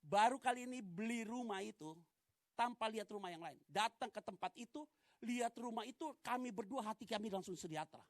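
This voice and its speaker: A male pastor giving a colloquial, joking sermon. He swings between loud preaching and quiet asides and calls for amens from the congregation. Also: high-pitched, brisk, no echo.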